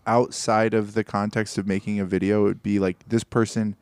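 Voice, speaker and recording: Deadpan man, dry close sound. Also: on the low side, a little fast, clear, resonant tone, no echo. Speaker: podcast co-host. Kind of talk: casual comedic chat.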